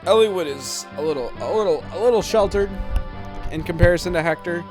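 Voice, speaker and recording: A let's play host in his twenties gives casual gameplay commentary at home during quarantine, rambling with lots of ums and uhs. His voice is high-pitched, expressive and fairly quick. He records on a webcam setup with game music behind him.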